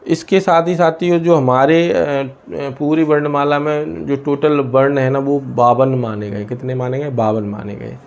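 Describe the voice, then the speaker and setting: Hindi teacher, self-questioning lesson. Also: male voice, medium pitch, steady tone, a little slow, vocal fry, few pauses, a little mellow. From India. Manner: asks and answers his own questions, many hesitations. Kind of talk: explaining a lesson.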